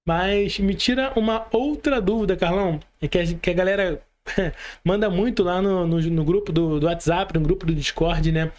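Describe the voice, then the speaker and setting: Hosting a relaxed podcast interview, a man with a Brazilian Portuguese accent speaks at a moderate pace in a high, slightly mellow voice. He's informal and slangy, often adding tag questions to get agreement.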